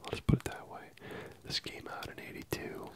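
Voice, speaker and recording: Someone whispering softly and closely from ear to ear, giving a casual ASMR film review with hesitant pauses. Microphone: close stereo microphone, ear-to-ear panning.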